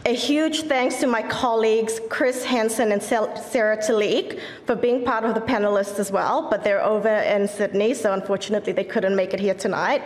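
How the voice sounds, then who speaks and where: A woman's voice: mid-range voice, steady tone, moderate pace, hardly any pauses. A woman judge giving an earnest, encouraging award speech on stage, opening with a formal greeting in Māori. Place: large event hall. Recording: echoey hall with long reverb.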